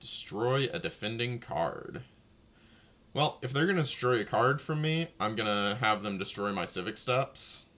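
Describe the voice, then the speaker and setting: Expressive and moderately paced, a man comments casually on a card game he's playing, reasoning out loud and speaking to his opponent. His low, somewhat gravelly voice has a slightly bright edge.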